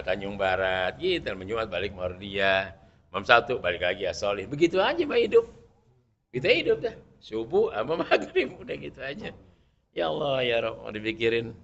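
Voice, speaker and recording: An older man teaching a religious study lesson, animated and emphatic, scolding with jokes. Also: fairly low pitch. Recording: dull lo-fi recording.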